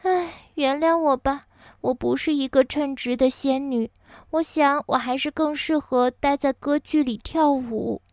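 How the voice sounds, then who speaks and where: A woman's voice: sits high, normal speed, no room sound, studio quality, voice pushed up, natural voice. A woman voicing a kind but clumsy female fairy who speaks sweetly and apologetically. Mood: sweet coaxing.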